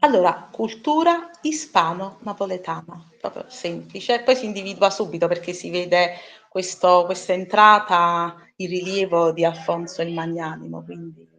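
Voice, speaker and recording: A woman's voice: lowish voice, normal speed, creaky, few pauses, a bit bright. A woman speaking as a guest on a live show, in casual unscripted conversation. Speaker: guest who runs a culture page.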